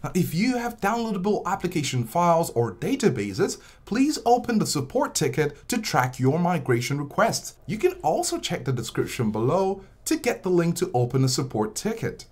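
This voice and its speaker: This is a scripted tutorial narrator who walks through software steps one after another in an even instructional manner. The pitch is lively and swings widely across phrases. It is a voice-over laid over screen footage. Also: normal speed, few pauses. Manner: steady step-by-step instructional delivery.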